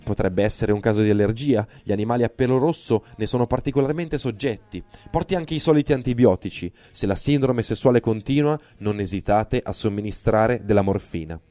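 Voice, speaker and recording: A man's voice: lowish voice, fairly quick, few pauses, mellow, no room sound, natural voice. A man voicing an irritable, squeamish male hospital doctor in an audiobook reading, snapping out his orders. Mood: disgusted. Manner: snappish, disgusted.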